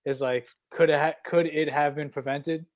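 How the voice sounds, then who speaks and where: A man's voice: on the high side, steady tone, moderate pace, no echo. A man, a student on a video call, talking hesitantly and stammering.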